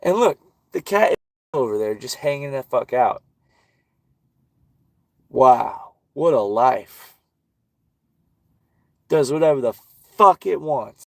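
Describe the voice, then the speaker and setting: Guy cussing and ranting at a park, mid pitch, dry sound. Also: expressive, slow, gravelly, pauses often, no echo. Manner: swears constantly, ranting. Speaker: vlogger. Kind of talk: profane outdoor rant. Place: park outdoors.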